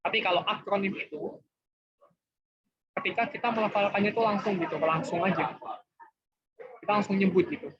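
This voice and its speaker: A man's voice: high-pitched, fairly even intonation, fairly quick, long pauses, noisy background. A young man with a casual manner, teaching an online class in a chatty, way. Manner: chatty, informal, often says guys and gitu. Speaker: tutor. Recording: dull lo-fi online class audio.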